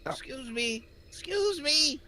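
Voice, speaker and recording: A man's voice: very high voice, animated, takes it slowly, pushed and bright, slight background noise, pitched above the performer's own voice, heavily acted. A man voicing a whiny, absentminded male scholar in robes, talking in a fussy, distracted way.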